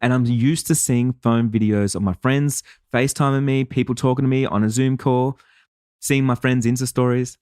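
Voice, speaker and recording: A man's voice: mid-range voice, steady tone, moderate pace, darkish tone, smooth, no room sound, clean studio sound. A man hosting a solo podcast as a business coach, talking in a punchy, emphatic, casual way with some swearing. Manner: acts out listeners' and clients' voices.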